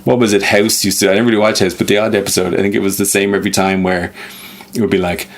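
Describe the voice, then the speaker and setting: A man's voice: low-pitched, quick pace. Chatty man co-hosting. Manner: animated storyteller, slips into impressions, laughs often. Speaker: podcast co-host. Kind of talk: casual chat.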